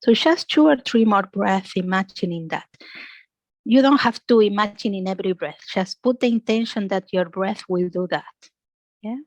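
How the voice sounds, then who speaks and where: Speaking at a normal speed with medium pitch, a woman leads a guided relaxation class built on breathing and imagery, with no room sound audible. As a yoga and relaxation instructor, she is gentle and instructive, and the dry-sounding session is sprinkled with a questioning "yeah?".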